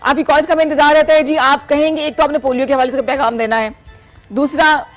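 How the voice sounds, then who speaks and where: A woman's voice: high voice, steady tone, fast talker, faint music behind. A woman with a Pakistani Urdu accent hosting a live morning TV show, chatting with guests and callers and mixing in English phrases. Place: TV studio.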